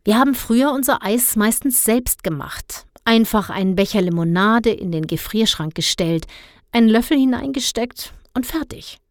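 A woman's voice: a little high, lively intonation, moderate pace, no room sound, clean studio sound, pitched above the performer's own voice. A woman voicing a grumpy, stingy middle-aged father who scolds indignantly. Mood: grumbling.

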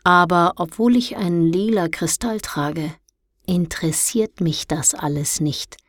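Woman doing a booming bossy boss man. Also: measured pace, no echo, studio quality. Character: loud domineering male amusement park boss, booming.

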